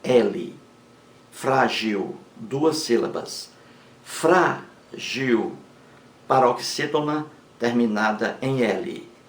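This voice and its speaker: A man teaching grammar in a slow, deliberate lesson, repeating words for emphasis. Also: medium pitch, roomy sound.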